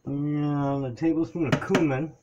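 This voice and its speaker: An older home cook vlogger chats and rambles in an unhurried way while working in his small kitchen, his voice a little high with fairly even intonation. The camera sitting on the counter picks up a noisy background along with his casual cooking chat.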